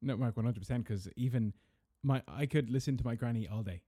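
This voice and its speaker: Irish male, young adult, informal anecdotal chatter, rapid delivery, soft warm tone. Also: medium pitch, breathy edge, dry recording, clean studio sound. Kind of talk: casual chat.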